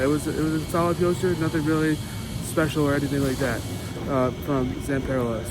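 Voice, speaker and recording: A man with a slightly high voice talks in a conversational, matter-of-fact way, like a vlogger giving a casual review to camera. He is recorded outdoors at an amusement park, with clear background noise around him.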